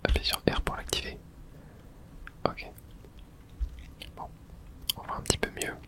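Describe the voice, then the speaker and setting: Narrating a video game playthrough ASMR-style, a voice whispers the whole way through with no voiced tone, a little slowly. The talk is casual and unguarded, muttered to oneself with some offhand swearing.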